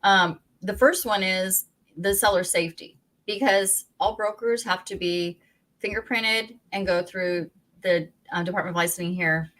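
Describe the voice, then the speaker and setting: A woman's voice: mid-range voice, moderate pace, a bit bright, rough recording. A woman co-hosting a real estate podcast, talking casually in a rambling way with frequent restarts and laughter, with a Pacific Northwest American accent. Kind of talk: casual chat.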